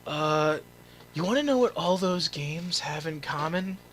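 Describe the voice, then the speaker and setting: A gaming YouTuber ranting angrily in a vlog, swearing often and bursting into shouts. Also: male voice, on the high side, lively intonation, unhurried, a little hiss or hum, low-quality recording.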